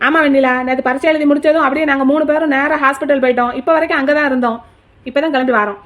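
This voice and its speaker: A woman's voice: high voice, fairly even intonation, racing, highs cut off, voice pushed down, natural voice. A woman voicing a sheepish, evasive young man.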